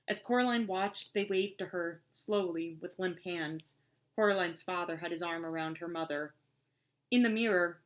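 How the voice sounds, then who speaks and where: A woman reading a storybook aloud in a measured storytelling manner. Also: fairly low pitch. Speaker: audiobook reader. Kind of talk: scripted narration.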